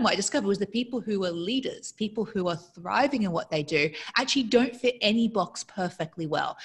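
An Australian-raised woman with a slightly low voice answers interview questions as a guest speaker. She's reflective and fluent, moving at a thoughtful, easy pace while often dropping "like" into her sentences.

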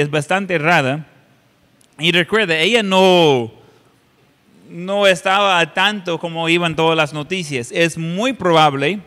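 A man's voice: on the high side, pushed and bright. Man preaching in a reverberant hall. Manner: halting, conversational, many filler sounds. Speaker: pastor. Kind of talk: sermon with scripture reading.

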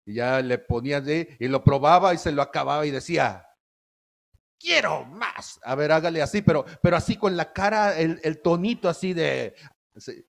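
A man's voice: fairly high pitch, brisk, vocal fry, hardly any pauses. A man preaching a sermon in a folksy way, often checking in with the audience.

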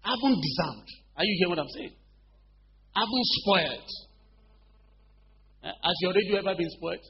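Man preaching, high-pitched, keeps checking the congregation is with him, swings from loud to hushed; lo-fi humming recording. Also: lively intonation, normal speed. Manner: call-and-response questions to the congregation; swings between loud emphatic bursts and quiet storytelling. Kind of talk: sermon. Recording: dull lo-fi recording with faint hum.

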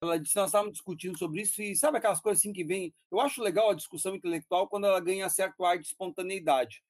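A man's voice: sits high, rapid-fire, no echo, clean studio sound. A middle-aged Brazilian man, a philosophy professor, talking casually in long digressions, laughing and swearing now and then. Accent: Brazilian Portuguese. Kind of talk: casual conversational talk.

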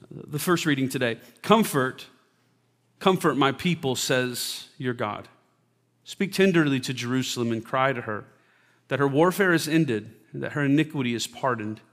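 A pastor reads scripture to his congregation during a live church service, lifting his voice on key phrases and softening for prayer. His mid-pitched male voice rings out with a long hall reverb. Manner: reads scripture aloud with rising emphasis, then prays softly. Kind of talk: sermon scripture reading and prayer.

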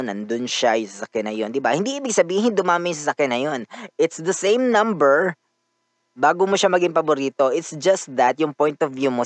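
A man with a Filipino accent giving a casual motivational talk, animated and often asking the listener to agree. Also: medium pitch, dry recording.

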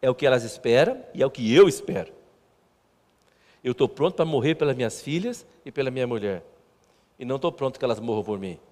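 A male pastor preaching a sermon in a halting, conversational way, repeating words and poking fun at himself. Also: medium pitch, lively intonation, darkish tone. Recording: long church hall reverb.

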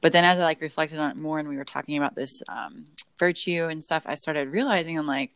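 A woman's voice: low-pitched, fast, clean tone, dry recording. A woman co-hosting a podcast, chatting casually about faith and rambling with many fillers and self-corrections. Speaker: podcast co-host.

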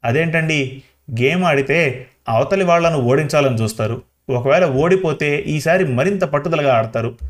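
A man's voice: a little high, animated, normal speed. A man narrating a short story, reading every character's lines himself in a close-to-plain voice with small shifts for the dialogue. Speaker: story reader.

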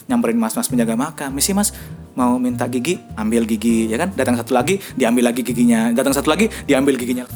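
Fast-talking young man telling stand-up stories. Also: a little high. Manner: animated, acts out dialogue in quick voices. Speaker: stand-up comedian. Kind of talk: stand-up storytelling.

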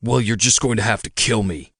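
A man's voice: lowish voice, brisk, fairly bright tone, dry recording, studio quality, pitched below the performer's own voice. A man doing a defiant young college guy. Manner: angry, defiant, snarling.

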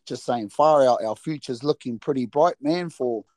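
A man's voice: medium pitch, moderate pace, dark tone. A man with a New Zealand accent hosting a casual sports chat in laid-back, slangy, blokey talk. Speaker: host.

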